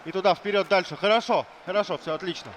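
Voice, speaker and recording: A man's voice: high voice, quick pace. A man co-commentating on an esports hockey match, adding analysis and running tactical tips in short phrases. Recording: crowd noise behind. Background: crowd noise.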